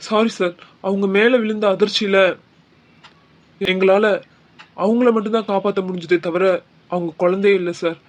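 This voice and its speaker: A man voicing a formal male doctor in a cartoon, speaking in a measured, apologetic way. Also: high voice, fairly even intonation, voice pushed down, close to an everyday voice. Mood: grave. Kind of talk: cartoon dubbing.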